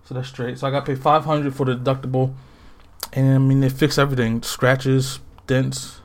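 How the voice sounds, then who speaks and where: A man's voice: mid-range voice, level tone, normal speed. A man co-hosting a podcast in casual chat, telling stories animatedly, acting out his own reactions and swearing freely. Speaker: podcast co-host.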